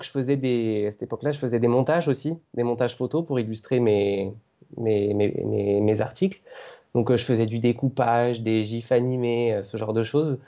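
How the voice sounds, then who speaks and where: A man's voice: mid-range voice, warm tone, lo-fi sound. A man who is a guest on a podcast, recalling his past in a casual, hesitant way, repeating words and using fillers. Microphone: call over Skype.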